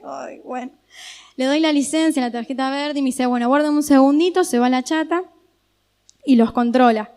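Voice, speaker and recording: A woman with an Argentine Spanish accent preaching a sermon, telling a personal story in a lively, conversational way. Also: high-pitched.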